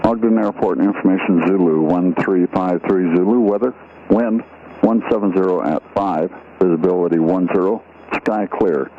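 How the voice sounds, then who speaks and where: Deep-voiced man, recorded airport weather broadcast, tinny radio line, steady readout. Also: moderate pace. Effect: recorded airport weather broadcast over aircraft radio. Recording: tinny radio transmission with faint hiss.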